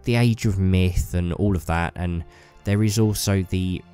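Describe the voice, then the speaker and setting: Low and warm, with fairly even intonation and a measured pace, a man's voice is heard over soft background music. The YouTuber, sounding congested from a cold, rambles through casual, enthusiastic hobby vlog talk full of fillers.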